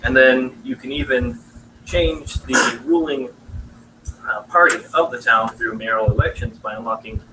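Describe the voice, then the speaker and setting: A young man casually pitching his game in a live presentation, halting and full of fillers. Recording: distant mic in noisy room.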